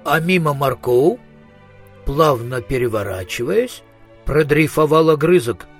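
A man narrating a storybook in an even, measured voice. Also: fairly high pitch, faint music behind. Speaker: audiobook narrator. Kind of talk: scripted narration.

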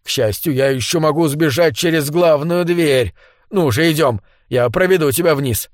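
A man voicing a hunted Englishman, hoarse and shrill, frantic and on the edge of hysteria, in a read-aloud story. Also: moderate pace, no echo, clean studio sound, lightly acted. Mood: frantic panic. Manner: frantic, cursing. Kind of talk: audiobook character voice.

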